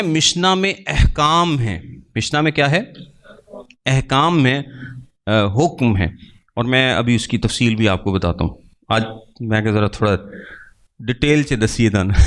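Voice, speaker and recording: A man's voice: fairly high pitch, a bit bright. A man with a Pakistani Urdu accent teaching in a sermon, asking questions and answering them himself while repeating key terms. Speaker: preacher.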